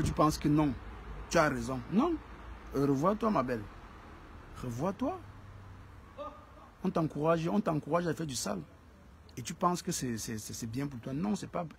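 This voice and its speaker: A man's voice: on the high side, vocal fry, slight background noise. A man hosting a casual live stream, greeting viewers by name and repeating phrases for emphasis.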